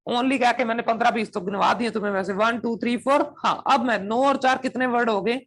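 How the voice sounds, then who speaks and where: A man's voice: very high-pitched, steady tone, brisk, fairly bright tone. A man teaching a coaching class, constantly asking students whether they understand and drilling them with questions. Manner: switches between Hindi and English demonstration phrases.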